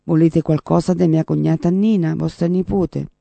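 A man's voice: a little high, steady tone, moderate pace, vocal fry, mellow, dry recording, highs cut off. A man voicing a humble, pious male lawyer in a devotional tale. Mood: gentle.

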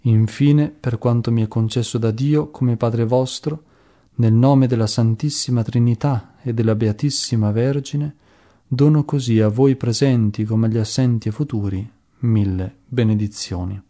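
A man voicing a dying elderly saint who prays slowly and humbly. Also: mid-range voice, fairly even intonation, mellow, close to an everyday voice. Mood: solemn. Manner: slow, solemn, pleading prayer.

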